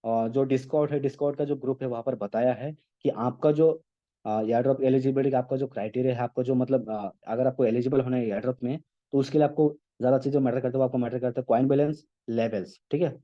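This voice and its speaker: A man's voice: mid-range voice, steady tone, brisk, muffled recording. A man presenting a casual tutorial to an online meeting, who explains step by step and keeps checking in with his listeners. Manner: explanatory, checks in often with "okay?" and "right?". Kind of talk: casual screen-share tutorial. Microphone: online meeting call audio.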